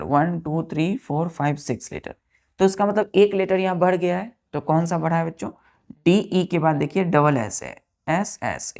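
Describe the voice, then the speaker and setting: A woman teaching English vocabulary to exam students. She explains each word slowly and twice, and keeps asking the students questions. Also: low voice, gravelly, darkish tone. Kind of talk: classroom lesson for exam students.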